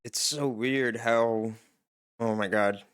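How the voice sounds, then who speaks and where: A man's voice: medium pitch, fairly even intonation, slow pace, a bit bright, faint music behind. A young man from Canada chatting casually as he reacts to a show, wondering aloud and laughing between remarks. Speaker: reaction video host.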